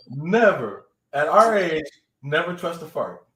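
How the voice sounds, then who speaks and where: A man in his sixties chats loosely on a live stream, tossing out one-liners and laughing at his own jokes. His voice sits high and swoops around a lot. The sound is echoey, as if recorded in a bare room. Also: very noisy. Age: 60s. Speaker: co-host of a paranormal live stream. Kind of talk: casual live-stream chat.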